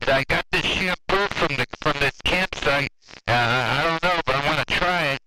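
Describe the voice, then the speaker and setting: A man's voice: on the high side, normal speed, lightly acted. A man voicing a drunk, grumbling male Bigfoot in a slurred, bewildered drawl, heard over a static-filled two-way radio. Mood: baffled.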